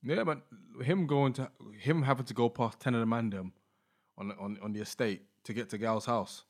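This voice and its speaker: A man's voice: medium pitch, normal speed, darkish tone. A man giving opinions on music in casual, slangy podcast chat.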